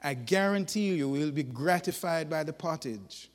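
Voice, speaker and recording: Fairly high-voiced preacher with an echoing hall sound. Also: male voice, normal speed. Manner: folksy storytelling, animated and emphatic. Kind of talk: sermon.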